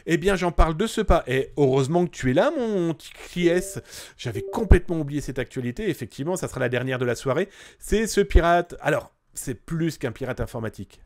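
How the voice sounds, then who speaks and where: A man with a fairly high voice hosts a casual live news stream. He is chatty and jokey, greets viewers by name and reads their comments aloud. He swings between lively bursts and quiet asides. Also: fairly quick.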